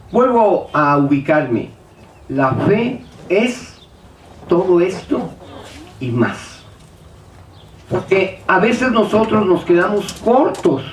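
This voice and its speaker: High-voiced preacher in an echoey hall. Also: male voice, a little hiss or hum. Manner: rhetorical questions, acts out doubting listeners. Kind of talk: sermon. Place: church hall. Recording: echoey hall, speaker far from mic.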